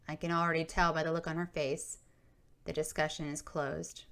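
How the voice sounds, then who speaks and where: A woman with a lowish voice reads her own memoir aloud, steady and earnest. Her delivery is measured and personal, like an author telling a family story. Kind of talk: memoir narration.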